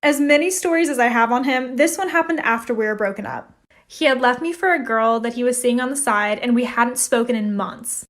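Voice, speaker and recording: A woman's voice: on the high side, a little fast, a bit bright. A young woman telling a personal story in a casual, wry, gossipy way. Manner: wry, gossipy, dry asides.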